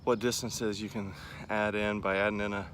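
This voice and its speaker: Male, 40s, low voice, casual rambling vlogger pacing outside, with ambient noise behind him. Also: flat delivery, moderate pace, fairly bright tone. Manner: rambling, self-deprecating, talking while pacing around. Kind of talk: casual running vlog chat to camera. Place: outdoors in a park by a lake. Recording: clear outdoor ambient noise.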